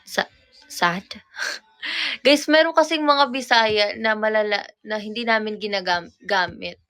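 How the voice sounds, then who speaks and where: A woman's voice: mid-range voice, unhurried, bright, forceful tone. A young woman from Cebu with a Cebuano accent, hosting a casual livestream and patiently explaining Bisaya words, often repeating and correcting herself. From Cebu, Philippines. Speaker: livestream host. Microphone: phone or camera mic on a livestream.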